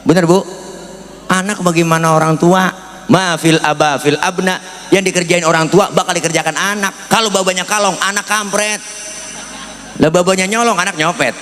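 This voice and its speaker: Jokey Betawi preacher in echoey hall. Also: male voice, sits high, fairly even intonation, moderate pace, fairly bright tone. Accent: Betawi Malay. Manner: jokey, often asks the crowd for agreement, lapses into sing-song chanting. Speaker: Islamic preacher. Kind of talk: comedic sermon to a congregation.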